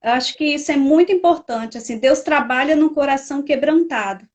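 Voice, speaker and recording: A woman with a high voice acting as a church mentor. She speaks in an affirming way about discipleship. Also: a little fast, darkish tone. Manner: affirming, says "amém" often.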